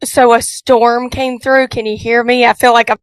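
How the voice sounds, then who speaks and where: A woman's voice: a little high, level tone, normal speed, clean tone, dry recording. Woman co-host, voice cutting in and out. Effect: voice cutting in and out over a weak internet connection. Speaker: radio show co-host calling in remotely. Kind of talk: casual morning show banter. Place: outdoors at a family beach house. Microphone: portable remote studio setup.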